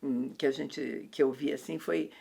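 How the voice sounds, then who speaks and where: Uma mulher brasileira numa conversa cristã descontraída, contando histórias bíblicas com muitos "né" e "sabe". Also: female voice, extremely low pitch, fairly even intonation, normal speed, creaky, warm tone. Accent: Brazilian Portuguese. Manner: preachy storytelling, many fillers and tag questions. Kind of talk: casual faith chat.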